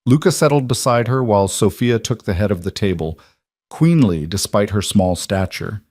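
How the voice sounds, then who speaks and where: A man narrating a scripted story in an even, measured audiobook manner. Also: on the low side, no echo, studio quality.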